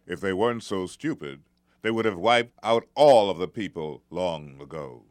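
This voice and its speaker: A man's voice: deep voice, moderate pace, no echo, clean studio sound, close to an everyday voice. A man voicing a stern village father giving a firm warning.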